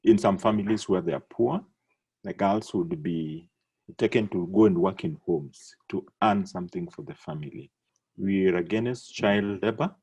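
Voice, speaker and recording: A man from Kenya, a church council worker, explaining things in measured interview answers. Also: deep voice, dark tone, breathy edge.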